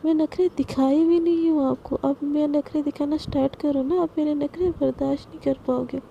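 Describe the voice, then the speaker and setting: A woman voicing Sana, a cheeky young office worker who answers back with quick, teasing comebacks in a told story. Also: high-pitched, steady tone, creaky, warm tone, dull audio, slight background noise. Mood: bantering.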